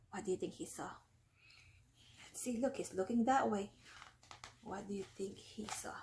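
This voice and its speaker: A teacher with a fairly high voice reads a picture book aloud to a class of young children, lingering over every line. She often pauses to explain a word or ask the kids what they see.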